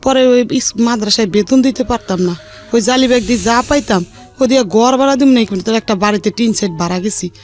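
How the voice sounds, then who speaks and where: A middle-aged woman, an interview guest, tells an interviewer her own life story in colloquial Bangladeshi speech, with soft music faintly behind her. Her voice is on the high side and fairly quick, and she's plain-spoken, rambling from one detail to the next.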